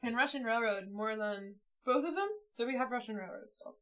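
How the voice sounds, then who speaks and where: A woman talks through a board game, thinking out loud about her next move. Her voice is bright and forceful, and it sits a little high. It sounds like a casual stream at the table. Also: brisk. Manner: chatty, thinks aloud while playing.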